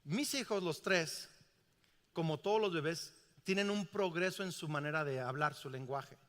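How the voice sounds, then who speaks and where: This slightly high male voice, carrying a big-room sound, comes from a middle-aged pastor delivering a sermon in a large church. He's animated and keeps asking the congregation questions.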